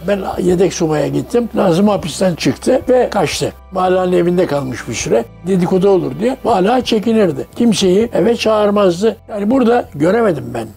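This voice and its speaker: A man's voice: high-pitched, expressive, normal speed, creaky, hardly any pauses, mellow, husky, faint music behind. A man in his nineties from Turkey, recalling his life in a documentary interview as an anecdotal storyteller who acts out the dialogue of the people he quotes. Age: 90s.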